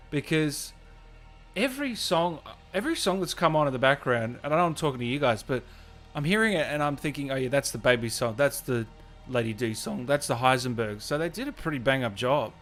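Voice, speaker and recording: His voice is mid-range and fairly bright. He's a livestream host and gaming interviewer who reads and answers comments in relaxed, chatty talk with viewers, often saying his phrases twice.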